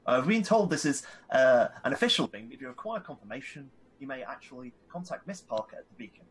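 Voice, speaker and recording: A man's voice: mid-range voice, big pitch swings, quick pace, a little hiss or hum, close to an everyday voice, low-quality recording. A man putting on a pompous posh girl. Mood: haughty. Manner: stiff, formal, overly flowery wording. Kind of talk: tabletop role-play in character.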